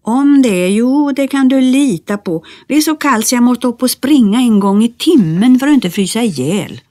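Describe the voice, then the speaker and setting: A woman's voice: a little high, expressive, darkish tone, dry recording, clean studio sound, voice pushed up, natural voice. A woman voicing a tiny, eager and friendly little person in a storybook reading. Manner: eager, shy, bouncy.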